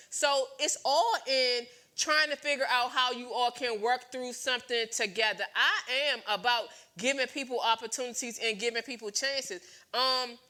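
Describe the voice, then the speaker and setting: A woman's voice: on the high side, bright, forceful tone. A woman in her late forties hosting a talk show, sharing candid opinions with many fillers and restarts. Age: 40s. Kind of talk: casual talk show chat.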